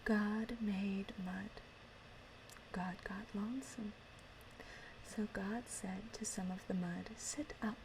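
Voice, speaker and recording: Casting: woman, soft breathy ASMR whisper, very slow and gentle, close-miked, clear background noise. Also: mid-range voice, fairly even intonation. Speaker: ASMR performer. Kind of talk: whispered ASMR, reciting and chatting. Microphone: close microphone, ear to ear.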